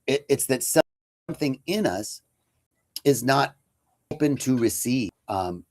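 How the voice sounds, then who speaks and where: On a computer webcam livestream, a man gives an inspirational talk as a spiritual teacher, casual and conversational with plenty of fillers. His medium-pitched voice is a little slow and mellow, with lively intonation.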